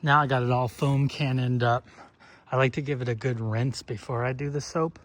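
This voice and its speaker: A man vlogging outdoors as he washes his car, talking in a relaxed, rambling way with plenty of fillers. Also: medium pitch, moderate pace. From northeastern United States. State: slightly out of breath. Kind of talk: casual talk while washing a car.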